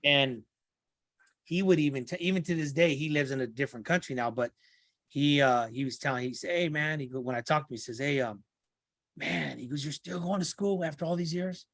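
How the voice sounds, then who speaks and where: A man's voice: mid-range voice, brisk, a bit bright, no echo, clean studio sound. A middle-aged man from Santa Ana, California, speaking earnestly as a podcast interview guest. He repeats himself and restarts his sentences.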